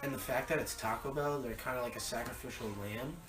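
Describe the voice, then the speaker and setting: A man's voice: medium pitch, steady tone, fast, reverberant, recorded from a distance, rough recording. A young man co-hosting a podcast, telling a rambling story in casual chat with lots of fillers. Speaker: podcast co-host.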